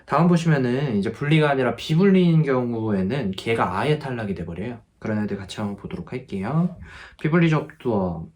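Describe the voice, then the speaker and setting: With lively intonation and a mid-range, slightly mellow voice, a male teacher patiently walks learners through an online grammar lesson, slowly repeating verb forms as drills.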